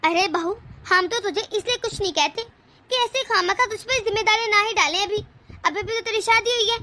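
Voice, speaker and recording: A woman's voice: extremely high pitch, normal speed, bright, forceful tone. A woman voicing an old, bossy mother-in-law in a cartoon, giving orders and scolding. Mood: commanding. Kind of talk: cartoon voice acting.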